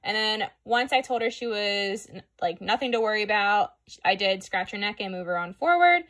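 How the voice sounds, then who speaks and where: A young woman talks casually over her own riding footage in a voice-over. Her tone is bright and clear. She is chatty and self-deprecating and often drops in "like". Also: mid-range voice, lively intonation, normal speed. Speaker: equestrian vlogger.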